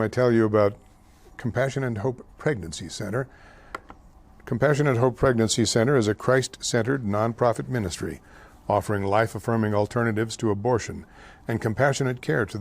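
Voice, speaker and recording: Hosting a local talk show, an older man with a lowish voice hesitates often, uses plenty of fillers and fumbles names. Political topics make him louder and more heated.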